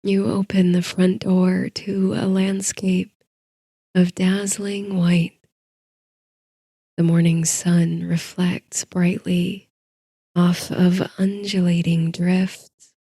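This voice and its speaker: A woman narrating a scripted sleep story in a soft, hushed, soothing manner, leaving drawn-out pauses between phrases. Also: fairly low pitch, little pitch movement, husky, no echo.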